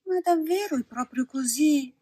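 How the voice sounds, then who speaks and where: A woman voicing a rash, frightened wooden puppet boy in a storybook reading, wailing and pleading in loud outbursts. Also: very high voice, a little slow, dry recording, studio quality, voice pushed up.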